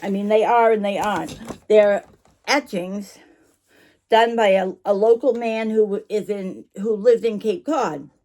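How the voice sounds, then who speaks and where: This vintage shop owner and vlogger speaks at a measured pace in a medium-pitched, darkish voice. Showing her shop finds on camera, she chews gum, rambles, apologizes, and keeps interrupting herself.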